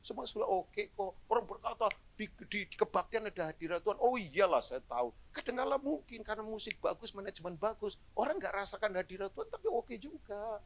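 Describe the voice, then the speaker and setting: A middle-aged male pastor preaches live to his congregation, his fairly high voice leaping around with lots of gravelly fry. He jokes with the crowd and swings from quiet asides to bursts of loud emphasis. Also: fairly quick, hardly any pauses. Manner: animated, joking with the congregation, swings from low asides to loud exclamations. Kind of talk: live sermon. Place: church hall, in front of a congregation.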